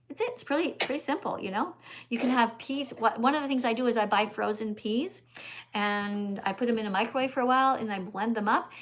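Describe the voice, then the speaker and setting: An older woman hosting a livestream, talking with callers in an insistent, lecturing, teacherly way. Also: medium pitch. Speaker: livestream host.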